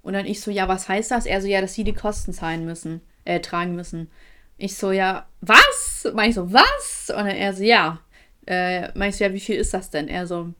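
A young woman chatting casually on a podcast, telling an animated story in colloquial slang and acting out the other people's lines. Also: mid-range voice, fairly quick, a little hiss or hum. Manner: animated storyteller, acts out quoted dialogue. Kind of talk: casual chat.

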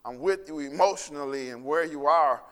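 A man's voice: fairly high pitch, moderate pace, fairly bright tone, in a large hall. A man preaching a sermon in a conversational style, acting out the voices he quotes, then leading a closing prayer. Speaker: pastor.

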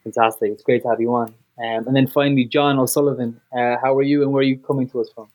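A man's voice: medium pitch, flat delivery, fast talker, darkish tone, poor audio. A man hosting a football podcast panel, introducing guests in a somewhat hesitant way. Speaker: show host.

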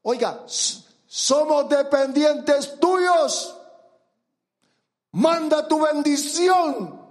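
A man's voice: very high voice, drawn-out words. A man preaching a sermon, emphatic, asking his congregation rhetorical questions and acting out quoted voices.

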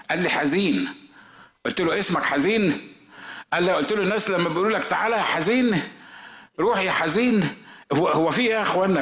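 Egyptian pastor guy preaching, chatty storytelling, kinda high voice, echoey room. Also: a bit bright. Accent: Egyptian Arabic. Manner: conversational storytelling preaching, rhetorical questions. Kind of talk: sermon.

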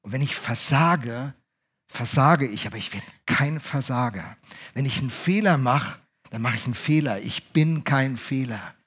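A man preaching a sermon, speaking straight to his congregation, swinging between loud urging and hushed, soft phrases. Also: mid-range voice, moderate pace, husky.

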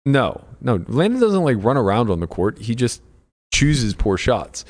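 A man's voice: mid-range voice, very animated, unhurried, darkish tone. A man co-hosting a podcast, teasing his friends in casual banter and swearing freely. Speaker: podcast co-host.

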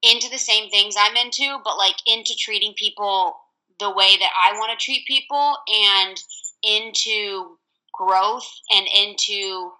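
A woman's voice: mid-range voice, fairly even intonation, measured pace, sharp tone, rough recording. A woman around thirty, a podcast guest, chatting casually with many fillers. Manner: rambling, filler-heavy. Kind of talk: casual interview chat.

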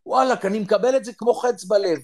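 Excitable middle-aged Israeli man storyteller. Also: high-pitched. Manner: excitable, dramatic, swears, repeats "listen well". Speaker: podcast panelist. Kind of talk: animated storytelling.

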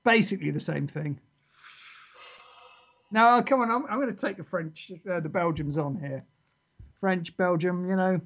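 A man's voice: high-pitched, normal speed, pauses often, fairly bright tone. Chatty man hosting a podcast. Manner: jokey, rambling, reads lyrics aloud with laughs. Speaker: podcast co-host. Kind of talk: casual chat. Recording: dull lo-fi podcast audio.

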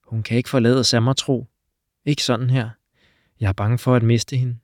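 A man's voice: medium pitch, level tone, a little mellow, no room sound, clean studio sound, lightly acted. A man voicing a loyal, caring young woman in a storybook reading, speaking earnestly and urgently. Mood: tender, resolute.

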